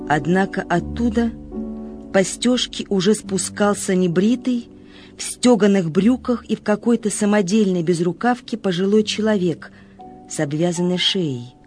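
A woman's voice: medium pitch, moderate pace, a little mellow, soft background music. A woman reading scripted literary narration as the narrator of a story.

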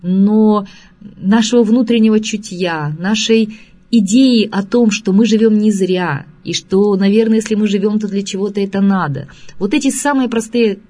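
A woman's voice: mid-range voice, normal speed, mellow. A woman speaking to radio listeners as an expert, earnest and lecturing, asking many rhetorical questions. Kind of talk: radio talk on child psychology.

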